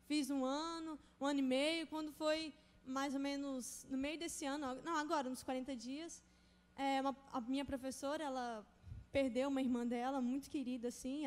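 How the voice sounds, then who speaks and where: Young woman, testimony, high voice, long hall reverb, emotional and chatty. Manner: emotional, conversational, acts out dialogue. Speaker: church member giving testimony. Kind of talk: personal testimony.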